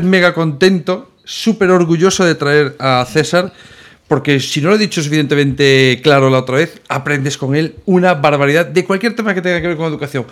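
A man co-hosting a podcast in casual chat, exuberant and playful. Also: fairly high pitch. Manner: exuberant, playful, talks up the guest. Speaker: podcast co-host.

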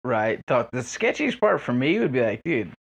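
A man's voice: medium pitch, very animated, vocal fry, husky. A young man in casual chat, trading jokes and laughing easily. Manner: joking banter, quick laughs.

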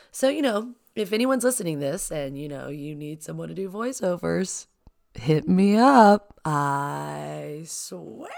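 A young woman hosting her own podcast at home, chatting in an excitable, rambling way with lots of asides. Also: deep voice, gravelly. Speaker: podcast host. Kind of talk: casual solo podcast chat. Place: home, child playing upstairs. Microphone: sensitive podcast microphone.

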